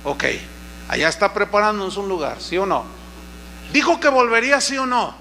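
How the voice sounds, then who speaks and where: A man preaching a sermon, animated and questioning the congregation, acting out the voices he quotes. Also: sits high, normal speed, a little hiss or hum. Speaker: pastor.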